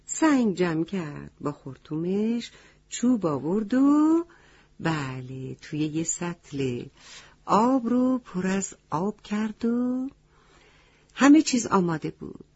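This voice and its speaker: Husky-voiced woman telling a children's story. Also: medium pitch, sing-song, dark tone, no room sound, lo-fi sound. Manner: addresses children directly with questions.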